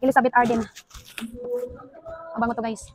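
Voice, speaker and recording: A woman's voice: a little high, level tone, a little fast, a little hiss or hum. A woman vlogging as she unpacks a gift box, talking casually, thinking aloud and breaking into frequent little exclamations. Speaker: vlogger unboxing a gift package. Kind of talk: casual chatty unboxing vlog.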